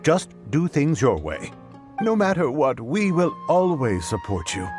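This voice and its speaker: Game townsman: young, excitable, indignant, lively swings in a highish voice, light music behind. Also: measured pace. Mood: supportive. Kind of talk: anime game voice acting.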